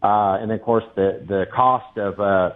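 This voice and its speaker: Low-voiced man on a tinny phone line. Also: steady tone, a little slow. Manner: hesitant, many "uh" fillers. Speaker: caller, local business owner. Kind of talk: casual call-in chat. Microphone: telephone.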